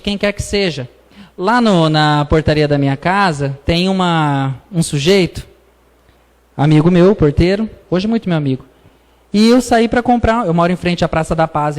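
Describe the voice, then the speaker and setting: A man with a high-pitched voice gives a casual sermon-style talk, telling everyday stories and checking in with the listeners through constant tag questions. His voice rings out with a long reverb in a lecture hall. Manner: chatty storytelling, frequent tag questions. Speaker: lecturer at a spiritist center. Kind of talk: public talk, informal sermon.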